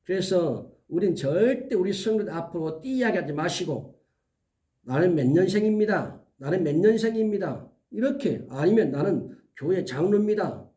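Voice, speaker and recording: High-voiced man preaching an earnest sermon. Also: lively intonation, warm tone, distant mic. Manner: earnest, emphatic warnings, lists items slowly one by one. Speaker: pastor.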